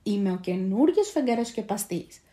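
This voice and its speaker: A woman's voice: medium pitch, expressive, warm tone, echoey room, lightly acted. A woman voicing a small, eager young male moon-coverer in a storybook tale, who talks earnestly and cries out with all his strength. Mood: worried pleading.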